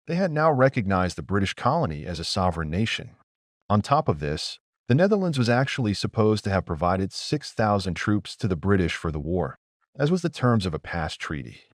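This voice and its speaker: Lively low-voiced male documentary narrator. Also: no echo, studio quality. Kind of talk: scripted history narration.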